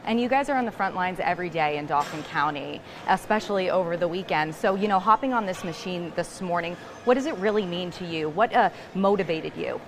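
A woman's voice: on the low side, brisk, few pauses. A young woman working as a live TV news reporter, upbeat as she talks while exercising in a gym. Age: young adult. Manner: upbeat, talking while climbing a stair machine. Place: indoor gym, on a stair climber. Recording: live gym floor with background machine noise.

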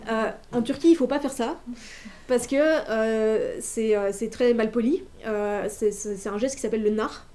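A woman's voice: fairly high pitch, normal speed, dark tone. A woman gives an informal talk as an author presenting a workshop, chatty and hesitant, with frequent restarts and filler sounds. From Belgium.

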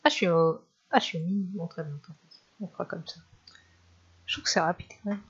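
A woman chatting casually and hesitantly while she plays a horror game in a dark bedroom. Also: lowish voice, fairly even intonation, a little fast, husky, muffled recording. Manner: chatty, hesitant with many fillers. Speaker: gamer. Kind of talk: casual let's play commentary.

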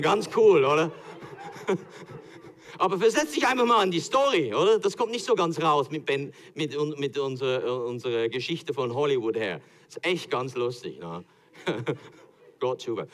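A man's voice: mid-range voice, animated, fairly quick, a bit bright. A man with a Swiss German accent preaching a sermon as pastor, telling stories animatedly and acting out quotes with laughter.

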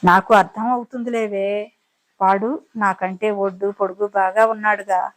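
A woman's voice: mid-range voice, fairly even intonation, moderate pace, close to an everyday voice, rough recording. A woman voicing a drunk, crude, pushy young man in a dramatized audiobook story, wheedling at first and then mocking. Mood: sneering.

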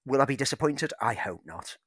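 A man's voice: medium pitch, lively intonation, a little fast, a bit bright, husky, no room sound, clean studio sound. A man co-hosting a film podcast, reading out news items and then riffing on them with enthusiasm. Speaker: podcast co-host. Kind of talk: casual film chat.

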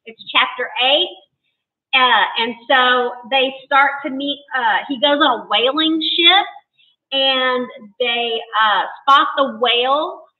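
A woman school librarian reads a story aloud and then chats about it with students, expressively. Her fairly high voice sounds thin, like a phone line. It also sounds a little far from the mic. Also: takes it slowly. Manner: expressive, chatty with fillers. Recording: tinny phone-like, distant.

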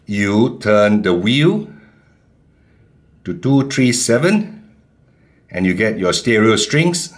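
A man calmly giving step-by-step keyboard instructions in a tutorial. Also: on the low side, slow, pauses often. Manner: calm, plain instructions. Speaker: keyboard teacher.

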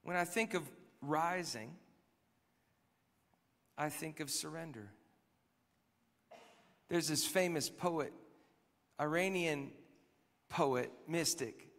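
A man's voice: a little high, slow pace, pauses often, fairly bright tone. A man leading worship, telling a story in a conversational, reflective way, often dropping to a near whisper. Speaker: worship leader. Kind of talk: sermon-style storytelling. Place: live worship gathering. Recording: long reverb in a large hall.

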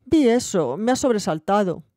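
A woman's voice: medium pitch, lively intonation, normal speed, warm tone, dry recording, clean studio sound, close to an everyday voice. A woman voicing a shaken, fragile pregnant young woman who speaks in a nervous, self-absorbed way.

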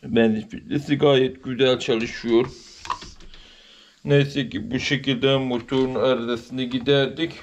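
Man, 30s, repair walkthrough, monotone delivery, camera mic, noisy workshop. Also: mid-range voice, slow, highs cut off. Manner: plain, explanatory, matter-of-fact. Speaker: repair channel host. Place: open workshop with outdoor light. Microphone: camera mic, filming his own hands.

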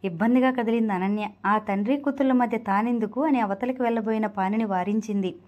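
A woman narrating a story with a steady, expressive reading. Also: a little high, fairly quick, highs cut off.

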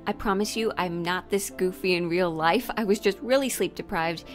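A woman's voice: lowish voice, normal speed, faint music behind. A young woman narrating and chatting casually as a hobby sewing vlogger. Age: young adult. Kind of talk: casual vlog narration and chat.

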